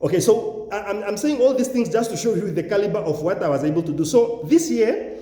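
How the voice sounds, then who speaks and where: A man's voice: high-pitched, expressive, brisk, warm tone. A man with a Namibian accent giving an informal promotional talk to viewers as a channel host, self-assured and boastful, repeating phrases for emphasis. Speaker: YouTube channel host, education agent and English test coach. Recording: echoey, reverberant room.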